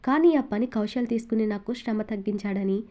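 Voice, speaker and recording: Woman doing a smug young traitor, mocking, gloating, mellow voice, storybook reading. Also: a little high, fairly quick, lightly acted. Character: treacherous young man, gloating schemer.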